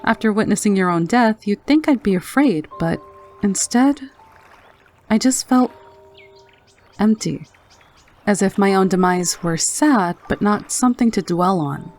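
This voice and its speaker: A woman narrating a scripted first-person scary story in a low, haunting, measured manner. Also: expressive, a little mellow. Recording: narration over background music. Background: music.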